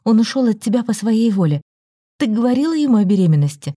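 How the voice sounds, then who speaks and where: A steady, level voice of a forty-year-old woman who keeps her composure and states things plainly, as a woman narrator puts her on. The tone is darker and mellow, recorded dry and close. She stays firm rather than loud. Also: fairly high pitch, quick pace, slightly rough, no room sound, pitched above the performer's own voice. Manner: calm, firm, matter-of-fact.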